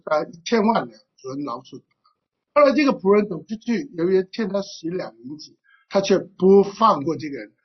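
Husky, lively-voiced fervent preacher. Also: mid-range voice. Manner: preaching fervently, often clearing the throat and saying "ah". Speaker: pastor. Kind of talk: sermon. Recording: dull lo-fi recording.

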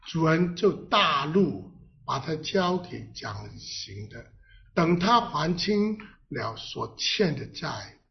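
Preaching with a sing-song lilt and vocal fry, a pastor with a fairly high voice moves at a slow pace through a playful sermon. He asks plenty of rhetorical questions and joins the congregation in reading scripture aloud, all on a dull lo-fi recording.

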